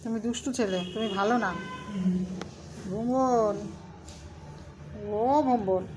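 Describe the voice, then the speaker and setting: Woman scolding and teasing her pet, highish voice, noisy hiss behind. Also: unhurried. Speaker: pet owner. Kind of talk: casual talk to a pet.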